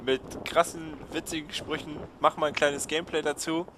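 A man's voice: a little high, flat delivery, moderate pace, fairly bright tone, slight background noise. A man giving casual gameplay commentary. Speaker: gaming video maker. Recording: game sound clearly behind voice. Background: video game ambience and dialogue.

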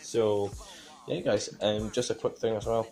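A man gives a casual, halting, repetitive vlog update into a phone at arm's length in a room at home. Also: fairly low pitch, flat delivery, darkish tone. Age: 20s. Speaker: vlogger.

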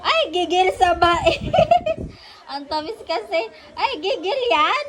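A woman's voice: very high-pitched, lively intonation, takes it slowly, heavy background noise. A young woman filming her baby at home on a phone, talking in playful, cooing baby talk and laughing often. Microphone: phone camera.

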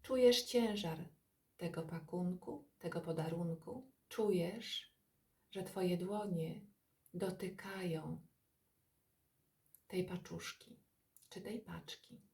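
A woman guides a relaxation meditation in a low, gravelly voice. She talks very slowly, in soft, calm phrases broken by long pauses. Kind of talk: guided body-scan meditation.

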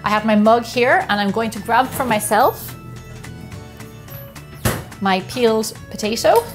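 An Irish baking show host chats upbeat in her kitchen for a casual home cooking vlog, walking through each step. Her voice sits on the high side and her pace is measured, with faint music playing behind her.

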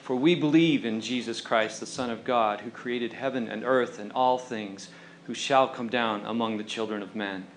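A man's voice: medium pitch, moderate pace, few pauses, reverberant, a little hiss or hum. A man reciting scripture as narration.

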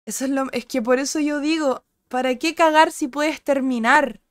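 A young Chilean woman streaming, chatting casually and crudely with her viewers and greeting them by name, her voice a little husky today. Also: high-pitched, steady tone, normal speed, no room sound, studio quality. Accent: Chilean Spanish. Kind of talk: casual chat with live chat viewers.

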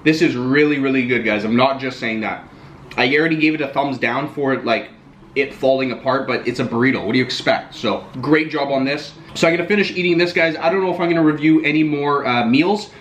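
Speaking a little fast in a mid-range, fairly bright voice, this young Italian food vlogger casually tries packaged meals on camera. He keeps addressing viewers as "guys," and the echoey room carries slight background noise.

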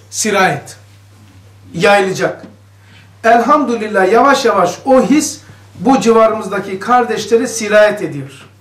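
Man with a cave-like echo, very high voice. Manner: conversational, explains each passage and questions the listeners. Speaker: religious study circle teacher. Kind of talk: reading a religious text aloud and explaining it to a group. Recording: echoey room, voice distant from the mic.

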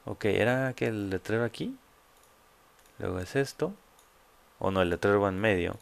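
A man's voice: on the low side, normal speed, creaky. A man with a Mexican accent giving casual, joking let's play commentary full of crude slang. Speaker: gamer host.

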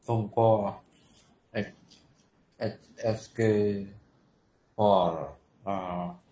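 A man learning the language, speaking haltingly with restarts as he searches for words. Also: on the low side, mellow, roomy sound. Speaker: language student. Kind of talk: hesitant learner speech.

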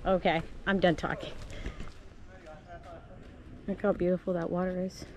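Woman vlogger, middle-aged, lowish voice, chatty, handheld camera outdoors with faint ambience. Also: little pitch movement, measured pace, a little hiss or hum. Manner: chatty, talks straight to her viewers. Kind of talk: casual vlog narration. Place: outdoor park trails by a spring. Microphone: handheld camera at arm's length.

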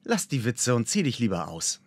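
A man reading an audiobook, voicing a gentle, protective pregnant female elf with a raised, soothing voice. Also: medium pitch, huge pitch swings, moderate pace, no room sound. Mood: teasing. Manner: soothing, then urgent and pleading. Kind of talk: audiobook character voice.

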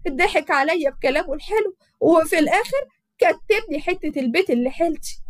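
An older Egyptian mother-in-law, self-pitying and demanding, played by a woman storyteller. She talks quickly in a high voice. The recording is dry and close. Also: lively intonation, dry recording. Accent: Egyptian Arabic.

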